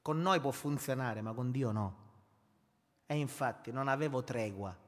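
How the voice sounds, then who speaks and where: A man's voice: mid-range voice, measured pace, in a large hall. A man preaching a sermon, emphatic and repetitive, calling his listeners brothers. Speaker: pastor.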